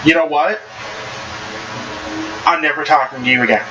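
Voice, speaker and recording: This man's voice sits fairly high and moves at a normal speed, with the high frequencies cut off in the recording. He reads stories from the internet informally, stumbles now and then, and reacts with blunt slang over a noisy backdrop.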